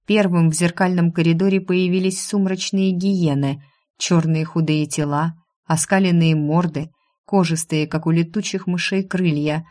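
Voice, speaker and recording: A woman narrating a first-person fantasy novel in a steady, measured reading. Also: low voice. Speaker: audiobook narrator.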